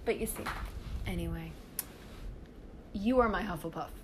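A woman's voice: fairly low pitch, moderate pace, noisy background. A young woman chatting casually in a bossy, ranting, playful way, breaking into sing-song fillers. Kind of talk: casual chat.

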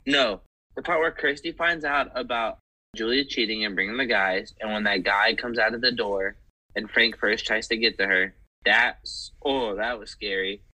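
A man chatting casually as a podcast guest, animated and rambling, full of squeamish exclamations. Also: on the low side, moderate pace, breathy edge, rough recording. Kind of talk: casual chat.

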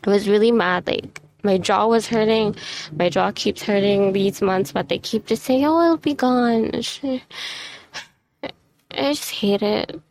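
Tired, teary woman ranting with vocal fry. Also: medium pitch, steady tone, measured pace, a little mellow, no echo. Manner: frank venting with swearing. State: tired and close to tears. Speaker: vlogger. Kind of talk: casual ranting monologue. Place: messy room at home. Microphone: desk microphone.

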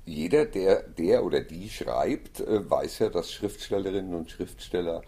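A man hosting an interview, asking questions in an affirming, measured way with a husky voice. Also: sits low, animated, warm tone. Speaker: interviewer host.

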